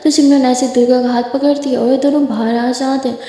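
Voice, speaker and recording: A woman's voice: high voice, level tone, mellow. A woman narrating a romance story in a chatty, unscripted way, recorded in an echoey room. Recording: echoey room, long reverb.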